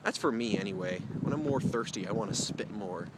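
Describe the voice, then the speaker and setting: A man's voice: on the low side, a little fast. A young man vlogging outdoors in cold wind, rambling in a hesitant, self-deprecating way with many fillers. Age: young adult. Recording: loud wind noise on the mic. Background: heavy wind noise.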